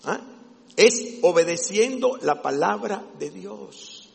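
A man's voice: sits high, expressive, slow, vocal fry. A man preaching a sermon with fervent, emphatic delivery. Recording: long echo of a large hall.

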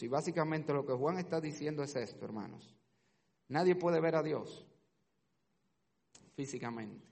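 Impassioned male preacher in a reverberant hall. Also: medium pitch. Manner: dynamic preaching, swings from hushed to shouting. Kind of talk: sermon. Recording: long reverb of a large hall.

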